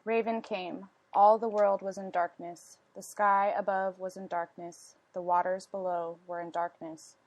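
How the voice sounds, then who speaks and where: A woman reading a storybook aloud as narration, with expressive, deliberate phrasing and questions to her listeners. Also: mid-range voice, lo-fi sound. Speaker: storyteller reading a picture book.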